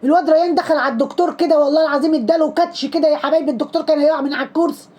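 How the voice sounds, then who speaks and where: A woman's voice: sits high, steady tone, rapid-fire, warm tone. A woman with an Egyptian accent, giving sarcastic commentary on trending videos, scolding and mocking with lots of repetition. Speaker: social media commentator.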